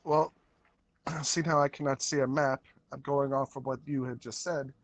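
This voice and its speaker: A man's voice: medium pitch, steady tone, normal speed. A man talking casually as a player in a tabletop role-playing game.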